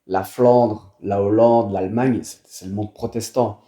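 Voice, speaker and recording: A Belgian-accented man from Wallonia talks casually as an interview guest, his tone mellow and dark in timbre. He hesitates often, repeating words and filling pauses. The sound carries a noticeable room echo. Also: fairly low pitch, fairly even intonation. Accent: Belgian French. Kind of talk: casual conversation.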